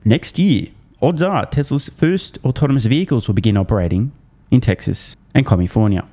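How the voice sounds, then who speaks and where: A man's voice: mid-range voice, lively intonation, brisk, warm tone. An Australian man giving blunt, mocking finance commentary, often sarcastic and swearing.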